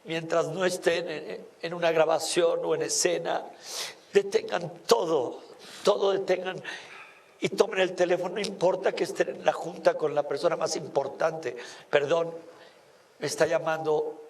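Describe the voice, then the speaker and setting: A man hosting a reality show, giving a heartfelt, earnest talk by a campfire with many pauses. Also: fairly high pitch, flat delivery, vocal fry. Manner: slow, earnest, pausing often. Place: outdoors at a campfire at night.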